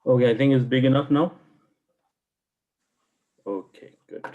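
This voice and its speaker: Guy teaching an online class, mid pitch, kinda halting, chatty and informal. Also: phone-quality sound. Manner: halting, hesitant, thinking aloud.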